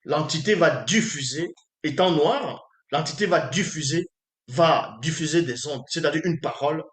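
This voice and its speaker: A man preaching with insistence, his voice sitting a little high and pushing his point again and again through pointed questions to the audience. The sound carries a roomy echo around it. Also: a bit bright. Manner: emphatic, with repeated rhetorical questions to listeners. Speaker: spiritual teacher. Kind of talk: preaching lecture.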